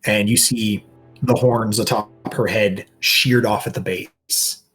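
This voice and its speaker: Game master, male, deliberate and halting, low voice over soft background music. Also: steady tone, slightly rough. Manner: slow, halting descriptive narration with many restarts. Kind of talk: narrating a tabletop game.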